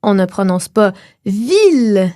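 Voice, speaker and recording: Young Québécois woman, podcast co-host explaining phonetics. Animated, higher voice, teacherly and clear, dry close mic. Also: no echo. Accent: Québécois French. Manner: clear teacherly delivery, slows to model sounds.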